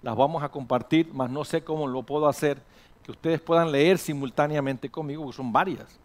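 Guy pastor preaching to the church, kinda high voice, lively, throws in english words. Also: a little fast. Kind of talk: sermon. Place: church sanctuary with congregation.

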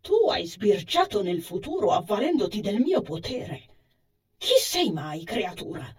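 A woman's voice: mid-range voice, sing-song, darkish tone, husky, recorded from a distance, heavily acted. A woman voicing a solemn ancient sacred gull. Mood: wondering. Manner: measured, deliberate questioning.

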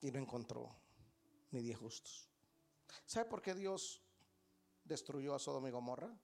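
A woman preaching a sermon in an animated way, acting out short exchanges and putting questions to her listeners. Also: very deep voice, measured pace, creaky. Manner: animated, acts out little dialogues, quizzes the congregation.

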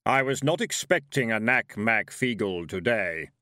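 A man doing Death, slow and grave. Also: fairly low pitch, lively intonation, bright, forceful tone, no room sound, studio quality. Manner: slow, measured, formal. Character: Death, tall skeletal male reaper, calm and courteous.

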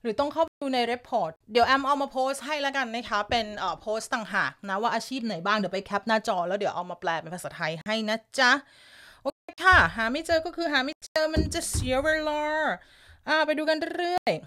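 A woman's voice: fairly high pitch, lively intonation, fairly quick, pushed and bright. A woman from Thailand hosting a casual live stream from her home, giggling often and chatting with viewers while nursing a lingering cough. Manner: chatty, giggly, reads viewer comments aloud. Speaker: live-stream news host. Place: home, upstairs room.

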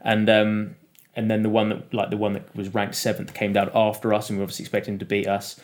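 Man, lowish voice, animated storyteller, casual interview guest. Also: quick pace. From United Kingdom. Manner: animated, laughing storyteller who acts out quotes. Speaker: podcast guest.

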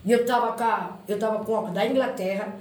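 A woman with a Brazilian Portuguese accent, interviewed as a runner, tells stories in a lively, exclamatory way and swears freely. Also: mid-range voice, fairly quick, reverberant, poor audio. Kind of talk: animated storytelling.

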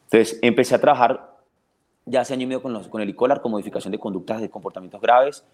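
A dog trainer from Colombia, medium-pitched and fast, goes on at length about his methods on a podcast. Full of restarts, he animatedly performs the roles of dogs and owners.

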